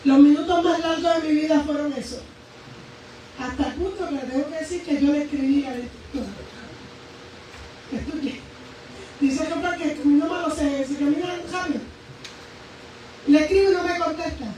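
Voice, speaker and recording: A woman preacher giving a fervent testimony in a sermon, emphatic and swinging between raised and hushed speech. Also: high-pitched, moderate pace, long pauses. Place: church sanctuary. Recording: very echoey church hall, voice from far off, faint noise.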